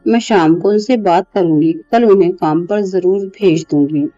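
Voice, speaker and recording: A scared young wife, gentle and pleading, in a narrated horror tale, told by a woman storyteller. The voice is low and warm, with a slightly dull recording and faint music. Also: normal speed, no room sound, close to an everyday voice.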